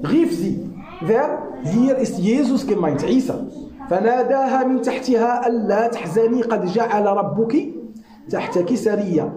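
A woman teaches a religious lesson in a warm, mellow voice, often asking her listeners questions. She switches into quick recitations of Arabic scripture. The room around her is roomy and echoey. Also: high voice. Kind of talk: religious lesson to a small audience.

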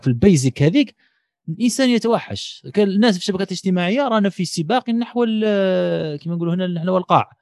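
A man with an Algerian accent making his points in an animated, argumentative casual discussion, piling up everyday examples. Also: high-pitched, dry recording. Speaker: discussion participant.

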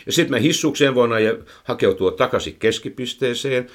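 A man speaking as a horse trainer, explaining his methods at length in casual chat, with frequent fillers and repeated words. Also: mid-range voice. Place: indoors, recorded for a microphone.

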